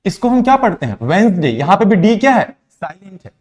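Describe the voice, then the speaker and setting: A man's voice: sits high, very animated, fast talker, a little mellow. A young man from India teaching pronunciation in a classroom lesson, asking questions and answering them himself. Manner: asks questions then answers them himself, mixing Hindi and English.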